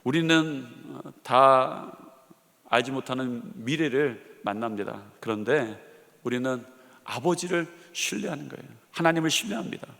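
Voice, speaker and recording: A middle-aged senior pastor preaching a sermon, with emphatic rhetorical questions, in a large church sanctuary. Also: male voice, mid-range voice, lively intonation, a little slow, gravelly, a bit bright. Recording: long hall reverb of a church.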